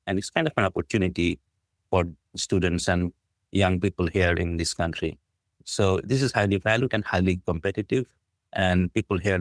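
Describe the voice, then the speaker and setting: His voice sits low, captured in studio quality without room sound. The podcast guest, a middle-aged business school dean from Bangladesh with a Bangladeshi accent, shares his story conversationally, earnest and appreciative, with frequent "like, you know."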